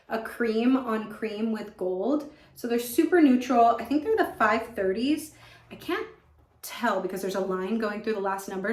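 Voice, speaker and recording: A young American woman talks in a casual, enthusiastic vlogger style. Her voice sits at a middle pitch and she repeats words for emphasis. The sound is strongly echoing, recorded in a bathroom on a camera's built-in microphone. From California. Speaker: fashion vlogger. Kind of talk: casual chatty favorites vlog. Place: indoors in a home bathroom.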